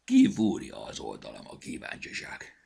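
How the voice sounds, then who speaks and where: Man voicing a sick goblin boy, blocked nose, grumbling, tired, low and husky, storybook. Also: huge pitch swings, warm tone, heavily acted. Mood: grumpy. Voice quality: stuffy blocked-nose speech. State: congested with a cold. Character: sick grumpy little male goblin with a cold.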